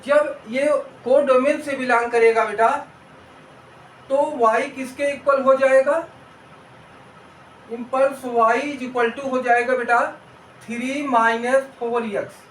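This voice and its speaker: A man's voice: extremely high pitch, fairly even intonation, slow pace, long pauses, a bit bright, a little hiss or hum. A male maths teacher explaining a problem step by step, patiently repeating each step and asking his students rhetorical questions, mixing English maths terms into his speech. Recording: roomy echo, mic at a distance.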